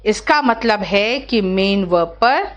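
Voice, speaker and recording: A woman's voice: medium pitch, expressive, slow pace. A woman teaching an English grammar lesson in Hindi, explaining patiently and asking and answering her own questions.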